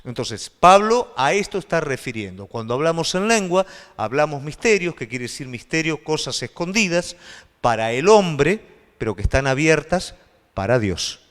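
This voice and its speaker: A man with a Rioplatense Spanish accent, a pastor preaching a sermon with animated delivery and frequent rhetorical questions. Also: a little high, normal speed, in a large hall.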